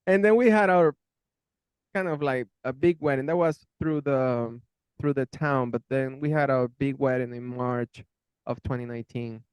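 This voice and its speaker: Speaking English with a Venezuelan Spanish accent, this man in his thirties from Venezuela, a channel host being interviewed, responds to questions warmly. He frequently repeats words as he hunts for the right phrasing. His tone is clear and resonant at a medium pitch, his pace measured, and there's no room sound.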